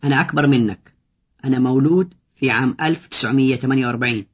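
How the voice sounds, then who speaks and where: A man with a husky voice reads out short lesson phrases one at a time, pausing after each. The recording is dull and lo-fi. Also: medium pitch. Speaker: language teacher. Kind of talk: slow read-aloud language drill.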